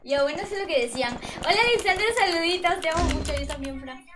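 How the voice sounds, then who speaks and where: A woman's voice: sits high, fast talker. A young woman live-streaming a game, chatting playfully with her chat and shrieking during fights. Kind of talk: casual live-stream chat while gaming. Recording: loud music playing under the voice.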